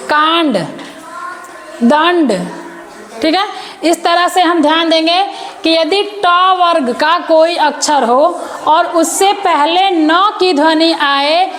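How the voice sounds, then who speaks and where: Slow, high-voiced woman teaching kids. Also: a bit bright, slight background noise. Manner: patient, repeats words and asks questions. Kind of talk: Hindi grammar lesson for children.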